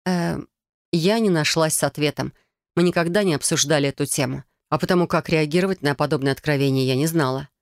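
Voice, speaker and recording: A woman narrating a first-person story as an audiobook, in a measured, even storytelling manner. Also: low-pitched, no room sound.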